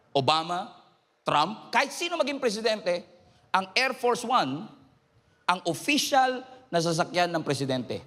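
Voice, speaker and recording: High-voiced Filipino pastor preaching. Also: male voice, big-room sound. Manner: switches between Tagalog and English, calls for raised hands, rises to shouts. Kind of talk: preaching a sermon to a congregation. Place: large church hall.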